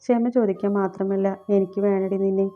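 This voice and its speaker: A man's voice: sits high, fairly even intonation, a little fast, narrow, tinny audio, faint music behind, lightly acted. A woman reading the lines of a remorseful young husband in a romantic audiobook, in her own voice. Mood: pleading.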